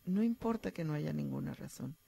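A woman psychologist, calmly explaining emotions as a radio guest. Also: low-pitched, brisk, vocal fry, slightly rough, no room sound. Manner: explanatory, calm, uses fillers like "este". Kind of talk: advice talk on radio.

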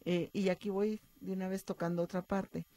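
A woman psychologist, calmly explaining emotions as a radio guest. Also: mid-range voice, normal speed, no room sound. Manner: explanatory, calm, uses fillers like "este". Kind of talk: advice talk on radio.

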